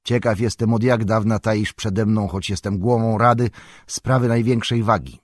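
A man reading an audiobook who voices a proud, scornful old male wizard lord, speaking slowly and grandly, as if declaiming. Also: lowish voice, steady tone, no room sound, clean studio sound, close to an everyday voice.

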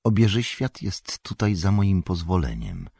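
Man doing a tired earnest young hobbit, quiet, gravelly low voice, storybook reading. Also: huge pitch swings, a little slow, dry recording, studio quality, full character voice. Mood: weary.

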